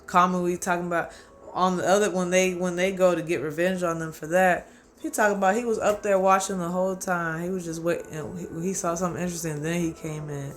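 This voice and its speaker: A man hosting his own channel, rambling through a casual, profane, excitable recap of an anime and often acting out his own reactions. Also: sits high, a little fast, a little hiss or hum. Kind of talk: casual solo anime commentary.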